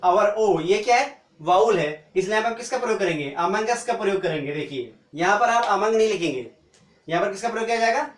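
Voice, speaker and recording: A man's voice: high-pitched, fairly quick, roomy sound. A man teaching an English grammar lesson in Hindi, asking rhetorical questions and answering them himself. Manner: mixes Hindi with English example phrases.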